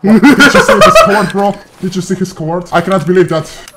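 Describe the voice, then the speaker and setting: A man's voice: high-pitched, animated, brisk, heavy background noise. A man talking through a voice changer in online game chat, brashly mocking the players he has just ambushed. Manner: brash, mocking trash talk. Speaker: gamer posing as a hired team killer.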